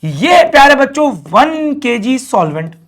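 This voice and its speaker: High-voiced man teaching a lively lesson. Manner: lively, coaxing, often asks students questions; stretches out key terms slowly. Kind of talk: classroom lecture to students.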